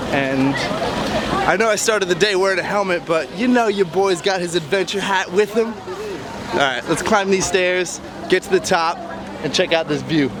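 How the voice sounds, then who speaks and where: Upbeat young man vlogging outdoors. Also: sits high. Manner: chatty, upbeat, talks straight to viewers. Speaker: travel vlogger. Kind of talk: casual travel vlog to camera. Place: outdoors on a tropical island. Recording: outdoor camera audio with background music and crowd.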